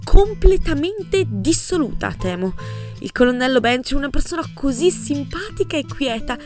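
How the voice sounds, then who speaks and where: A woman's voice: high-pitched, animated, normal speed, pitched above the performer's own voice. A woman doing an eager, gossipy old spinster. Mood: eager gossip. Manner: breathless, eager, relishing. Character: excitable gossipy elderly village spinster. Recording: music playing behind.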